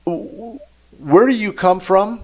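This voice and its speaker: A man's voice: sits high, slow pace. A man hosting a podcast in a casual, enthusiastic way, rambling with fillers and restarts. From Canada. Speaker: podcast host. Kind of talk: casual interview chat.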